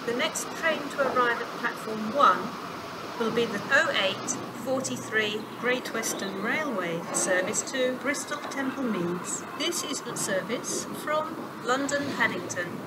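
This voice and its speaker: A woman's prerecorded announcement voice, with spliced-together words in measured, evenly clipped phrasing, heard over station loudspeakers on a railway platform. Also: on the high side, animated, echoey room, very noisy. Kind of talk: automated public address announcements. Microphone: heard through station loudspeakers. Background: station ambience.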